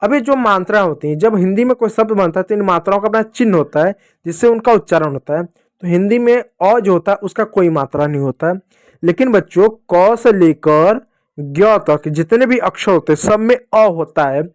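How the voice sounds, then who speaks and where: Male teacher for small kids, high-pitched, slow repeated sounds, dry room. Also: lively intonation, dry recording. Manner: slow drawn-out syllables for children to repeat; addresses children fondly, repeating sounds. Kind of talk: children's Hindi lesson.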